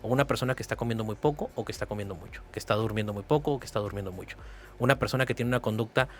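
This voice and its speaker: A man's voice: lowish voice, rapid-fire, fairly bright tone, a little hiss or hum. A man in his thirties with a northern Mexican accent, a psychotherapist guest explaining concepts and often checking in with short tag questions. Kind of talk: explanatory interview talk.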